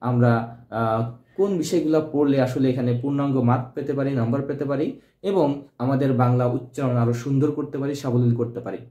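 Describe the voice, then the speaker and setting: A man's voice: mid-range voice, fairly even intonation, quick pace, mellow, dull audio. A male teacher giving an exam-prep grammar lesson, asking questions and answering them himself. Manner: quizzing, answers own questions. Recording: echoey room.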